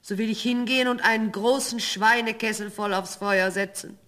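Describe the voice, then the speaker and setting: A woman's voice: fairly high pitch, fairly even intonation, normal speed, a bit bright, natural voice. An actress playing a farmer's wife, the caring and fussing mother of a giant son, in a radio play. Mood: warm. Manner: fussing and homely.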